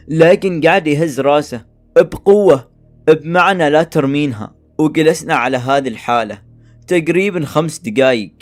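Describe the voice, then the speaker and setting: A man narrates a dramatic first-person story in a tense manner. His voice sits slightly high for a man. Faint music plays softly behind him. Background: faint background music.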